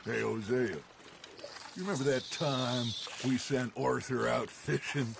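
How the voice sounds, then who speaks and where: An actor playing a veteran frontier outlaw in a game who tells old stories in a gravelly, slow, nostalgic way. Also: male voice, mid-range voice, fairly even intonation, noisy background.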